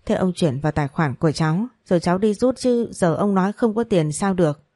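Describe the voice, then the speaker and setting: A young working woman, worried for her sick brother, pleads urgently and politely, as a woman reading the story voices her. Her tone is mellow and fairly low. The recording is dry and close. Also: lively intonation, fairly quick, no room sound. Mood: pleading. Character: desperate young woman worker, pleading daughter.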